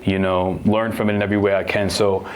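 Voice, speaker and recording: A young man hosting a podcast interview, talking in a relaxed, earnest way with many fillers. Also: deep voice, fast talker. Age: young adult. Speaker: podcast host. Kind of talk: casual interview.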